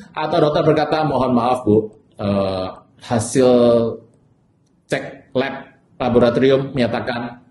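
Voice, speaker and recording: A male pastor preaching a sermon in an animated way, acting out people's desperate cries for help. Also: high-pitched, roomy sound.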